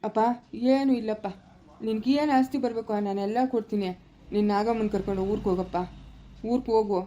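A woman's voice: medium pitch, fairly even intonation, brisk, mellow, close to an everyday voice. A woman playing a firm, middle-aged male village elder in a rural family drama.

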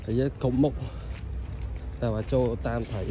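A man's voice: mid-range voice, steady tone, normal speed. A man chatting casually and calling out to companions while fishing on an overgrown riverbank, recorded on a handheld phone. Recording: outdoor phone audio with loud background noise.

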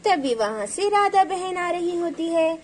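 Woman, storybook narrator, chatty, very high voice, faint noise. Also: expressive, unhurried.

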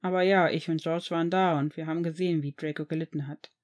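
Brief: a warm, easygoing young man, friendly and reassuring, read by a woman in her own voice, audiobook reading. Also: sits low, steady tone, quick pace, pitched below the performer's own voice, close to an everyday voice. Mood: earnest. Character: young man, warm cheerful shop owner.

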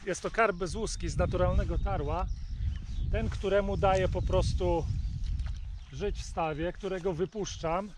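A man giving calm, casual commentary to viewers while fishing at a pond outdoors. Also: high-pitched, measured pace. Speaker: angler vlogger. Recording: outdoor recording with clear background noise.

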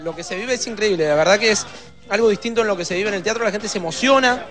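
Fast-talking high-voiced young man. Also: over loud music, over a noisy crowd. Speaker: actor being interviewed. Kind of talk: casual interview answers. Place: busy backstage room. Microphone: handheld interview microphone.

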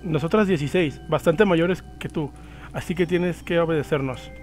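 Eerie, bossy sixteen-year-old twin sisters, as a man reads them from a game. The lines come calm and insistent in a fairly high male voice, over faint music. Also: normal speed, close to an everyday voice.

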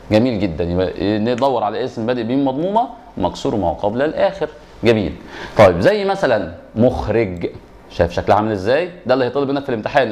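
Speaking with an Egyptian accent, a man teaches Arabic grammar in an exam review, asking himself questions, answering them and going over the key rules again. His voice is medium pitch and a little mellow.

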